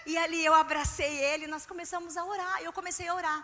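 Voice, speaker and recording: Woman preacher, animated sermon, piercing high voice, echoey church hall. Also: fast, soft background music. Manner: animated storytelling, emphatic, addresses the women directly. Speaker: preacher at a women's service.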